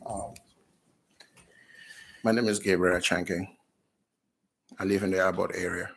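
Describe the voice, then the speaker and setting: A man with a fairly low voice gives earnest testimony at a public hearing. He is a French speaker by birth who often stops and restarts his sentences. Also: steady tone, a little slow, gravelly, slightly rough. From Cameroon. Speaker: public testifier, business owner.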